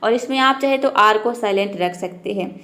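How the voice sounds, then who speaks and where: A woman's voice: mid-range voice, a little fast, a bit bright. A woman teaching English pronunciation to beginners, patiently repeating each rule and asking the viewer questions. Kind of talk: step-by-step pronunciation lesson.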